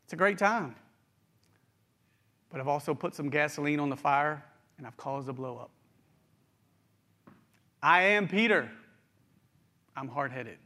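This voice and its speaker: A man's voice: fairly high pitch, animated, measured pace, pauses often, bright, forceful tone. A middle-aged man with a West Virginia accent giving a sermon in a conversational, folksy way, speaking straight to his listeners. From West Virginia, United States. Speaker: preacher.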